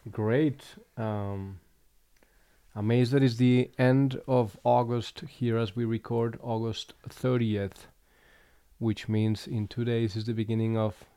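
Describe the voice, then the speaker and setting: A man from Colombia hosting a relaxed conversation, speaking reflectively with frequent pauses and restarts. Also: mid-range voice, clear, resonant tone, no room sound. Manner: reflective, unhurried, with fillers and restarts. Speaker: podcast host. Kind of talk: casual conversation.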